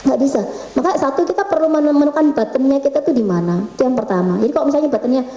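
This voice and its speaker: A woman's voice: high-pitched, fast, dark tone, lo-fi sound. A middle-aged woman gives an interactive religious talk to a group of women, chatty and quizzing her listeners. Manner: chatty, quizzes the audience, slips into Javanese. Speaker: religious speaker at a women's study session. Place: government office meeting room. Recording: echoey meeting room.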